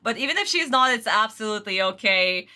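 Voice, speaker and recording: A woman's voice: on the high side, lively intonation, a little fast, sharp tone, clear, resonant tone. A woman doing casual livestream reaction chat, effusive and theatrical, full of endearments. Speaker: streamer reacting to anime.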